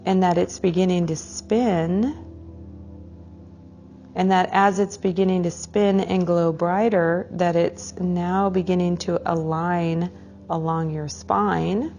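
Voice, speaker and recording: Leading a class through guided meditation, this woman speaks in a lowish, gravelly voice. Her delivery is soothing and unhurried, with drawn-out phrases that fade gently at the ends.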